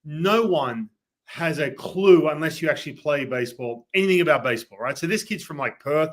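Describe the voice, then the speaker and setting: A man with an Australian accent, a podcast guest telling stories in a casual, animated way and acting out what people said. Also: fairly high pitch, brisk. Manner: animated storyteller who acts out quoted dialogue. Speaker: guest, former baseball pitcher. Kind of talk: casual storytelling on a sports podcast.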